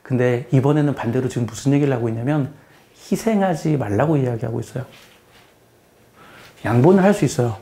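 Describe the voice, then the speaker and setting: A middle-aged man who teaches math gives a casual lecture in a plain explaining tone, often repeating phrases and asking the listener questions. His mid-range, mellow voice moves fairly quickly, with frequent pauses.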